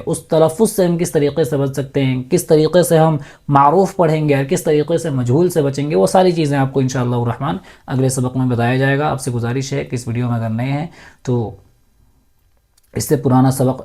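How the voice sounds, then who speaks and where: Mellow-voiced man spelling letters slowly. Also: mid-range voice. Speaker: Quran recitation teacher. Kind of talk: step-by-step reading lesson.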